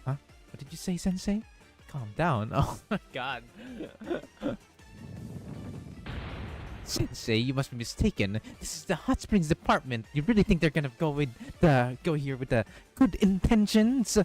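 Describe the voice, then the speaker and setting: A man reading a game story aloud and breaking off for excited, profane reactions. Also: fairly high pitch, unhurried, faint music behind. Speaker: gaming streamer.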